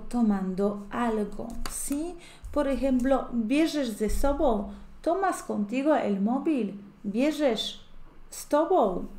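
A woman teaching grammar at an unhurried pace, her voice sitting a little high. She explains patiently and keeps checking that the listener is following. The room around her is echoey. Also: dark tone. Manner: explains patiently, often checks with a rising "¿sí?" or "¿no es cierto?". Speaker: language teacher. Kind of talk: grammar lesson.

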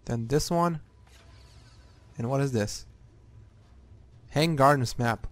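A man's voice: medium pitch, takes it slowly, no echo. A man giving casual, sweary playthrough commentary, reacting aloud as he plays a game. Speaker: gamer. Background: game music.

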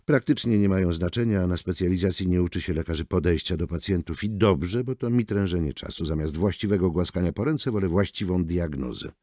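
A man's voice: low voice, brisk, few pauses, dark tone, dry recording, studio quality. A man voicing a brusque, mocking woman lawyer in an audiobook. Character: sharp-tongued sardonic woman lawyer. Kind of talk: audiobook character voice.

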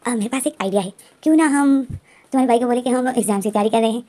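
A cheeky teenage schoolboy friend, voiced by a woman, joking and then acting innocent. He speaks rapidly in a slightly higher, mellow tone. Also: close to an everyday voice. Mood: scheming.

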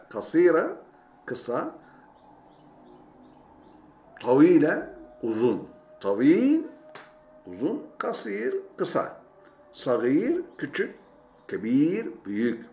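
A man's voice: medium pitch, darkish tone. A man teaching a language lesson, saying each phrase twice and then translating it. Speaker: Arabic teacher. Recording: roomy echo, faint ambience.

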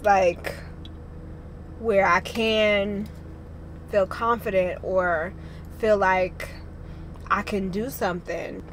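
A woman's voice: mid-range voice, slight background noise. A woman in her thirties talking casually to camera, rambling and swearing, a little tearful, filming in a car and a parking lot on a camera mic. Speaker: vlogger. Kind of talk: casual vlog talk. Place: parked car, then outdoor parking lot.

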